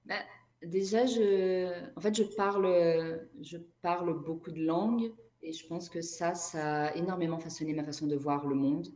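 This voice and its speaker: Her voice fairly low and mellow, a Portuguese-speaking woman from Brazil talks at a moderate pace as an interview guest. She is an energy therapist and writer who reflects as she speaks and often searches for the right word, in an echoey room.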